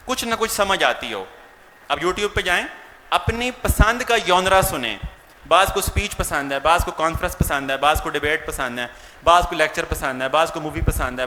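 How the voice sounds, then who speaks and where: Pakistani male lecturer, high bright voice, quizzes his audience; echoey hall, faint hiss. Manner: mixes Urdu with English words, asks the audience questions. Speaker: English teacher. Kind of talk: lecture to teachers.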